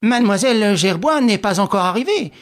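A man's voice: high-pitched, expressive, a little fast, voice pushed up. A man reading the part of an anxious, protesting middle-aged lawyer in an audiobook. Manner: nervous, protesting.

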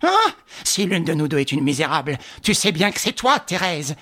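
A man's voice: very animated, moderate pace, exaggerated voice. A man voicing a furious woman who hurls a murder accusation at her friend in an audiobook. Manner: shrill, shouting accusations. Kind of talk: audiobook reading.

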